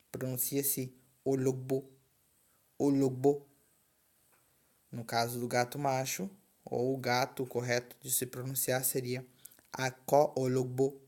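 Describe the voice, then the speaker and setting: A man gives a slow language lesson. His voice stays flat and even and he speaks at an unhurried pace. He patiently repeats each word twice. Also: medium pitch, creaky. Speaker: language teacher.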